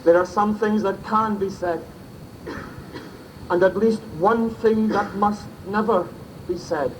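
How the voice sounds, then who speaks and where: A male minister delivering a grave, solemn sermon at a memorial service, with emphatic pauses, heard from an old cassette recording. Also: high voice, steady tone, poor audio. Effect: faint tape hiss of an old cassette recording.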